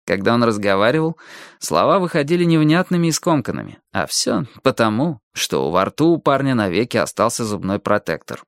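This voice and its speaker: A man reading an audiobook aloud with lively, animated expression. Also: mid-range voice, a little fast, dry recording, studio quality. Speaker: audiobook narrator.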